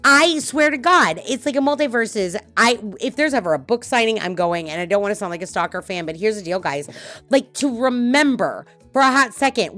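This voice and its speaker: A middle-aged woman hosting a casual podcast, talking bluntly and swearing freely as she tells personal stories. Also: on the high side. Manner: blunt, swearing, animated storytelling. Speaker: podcast host.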